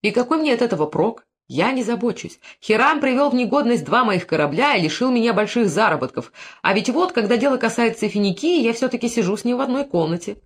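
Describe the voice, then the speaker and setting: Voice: medium pitch, lively intonation, quick pace, voice pushed up, natural voice. A reader doing a sneering, haughty usurer. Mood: heated. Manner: mocking, haughty. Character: sneering male usurer, scornful and touchy. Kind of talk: audiobook character reading.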